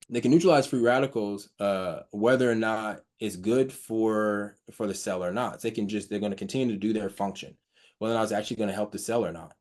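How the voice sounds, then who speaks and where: In this casual slideshow on hydrogen and health, the male presenter reads research excerpts aloud and stumbles through his explanations with fillers, restarts, and a stutter he acknowledges. He speaks in a lowish, darkish voice.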